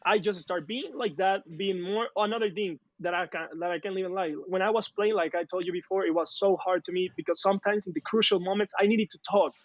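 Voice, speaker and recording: Young man, halting English, high voice, dull dry lo-fi mic. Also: steady tone, no room sound. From Latin America. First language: Spanish. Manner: halting, searching for English words. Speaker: esports player guest. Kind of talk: casual interview chat.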